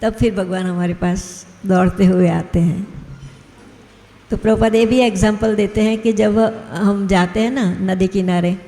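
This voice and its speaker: Woman giving a devotional talk, kinda gravelly voice, chuckles through her stories, echoey hall with long reverb. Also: medium pitch, steady tone, unhurried, mellow. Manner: storytelling, chuckles often. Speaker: guest speaker at a devotional gathering.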